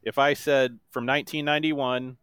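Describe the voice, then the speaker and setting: Man reading trivia in deadpan monotone. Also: mid-range voice, smooth, dry recording, clean studio sound. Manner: reads lyrics in a deliberate monotone. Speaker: quiz host. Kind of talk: podcast trivia quizmaster.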